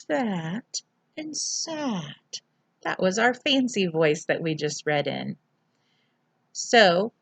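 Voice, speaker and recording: A woman teaching a phonics lesson to young children, sounding out letters slowly, clearly and patiently in a home video lesson. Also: medium pitch, a bit bright, no echo.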